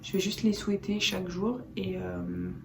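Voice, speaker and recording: A woman vlogger chatting casually to camera from her bedroom, soft-spoken and rambling, repeating herself. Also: mid-range voice, flat delivery, moderate pace, vocal fry. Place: bedroom at home, indoors. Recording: echoey room with background noise.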